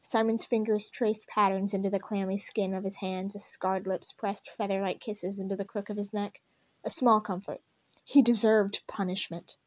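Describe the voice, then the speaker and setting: A woman reading fan fiction aloud in a soft, even narration. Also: medium pitch, normal speed, dry recording. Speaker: reader.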